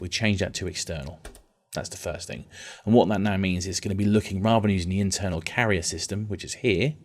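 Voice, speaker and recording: Explaining music software step by step, a low-voiced man gives an informal tutorial on music technology and keeps restating the key points.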